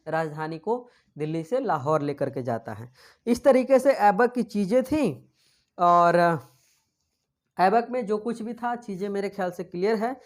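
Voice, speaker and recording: A woman giving an exam-prep history lecture, dictating notes and asking and answering her own questions in a chatty way with English terms mixed in. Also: mid-range voice. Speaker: history teacher.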